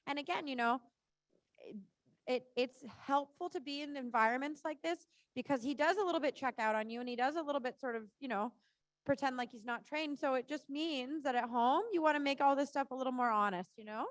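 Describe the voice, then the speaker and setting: A woman's voice: sits high, a little fast, no echo. A woman working as a riding coach, calling out short, repeated cues live in an encouraging, informal and reassuring way.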